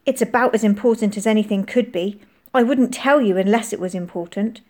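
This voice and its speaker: A woman's voice: medium pitch, a little fast, a little mellow, close to an everyday voice. A woman voicing a determined young girl who speaks firmly and urgently, at times in tense whispers.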